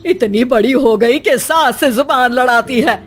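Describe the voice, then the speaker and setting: A woman's voice: high-pitched, a little slow, over music. A woman voicing a quarrelsome middle-aged mother-in-law in a cartoon, scolding and taunting. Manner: scolding, taunting, self-pitying. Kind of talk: cartoon voice acting.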